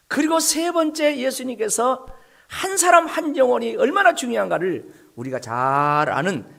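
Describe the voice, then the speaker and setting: A male pastor preaches in a high, lively voice that swings widely in pitch. He tells the story dramatically, with a gravelly texture and sudden drops to a hush. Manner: dramatic storytelling, dropping to whispers, acting out characters. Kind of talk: sermon.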